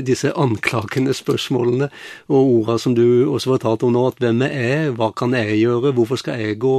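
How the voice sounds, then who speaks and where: A man hosting an interview, asking calm, reflective questions. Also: medium pitch, no room sound. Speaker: host.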